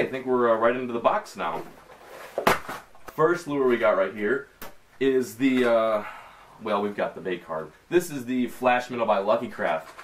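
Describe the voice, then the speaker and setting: A man's voice: lowish voice, slight background noise. A young man with a Midwestern American accent, casually chatting through a fishing tackle unboxing in his small bedroom, full of slang and fillers. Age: young adult. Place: small bedroom with a desk, indoors.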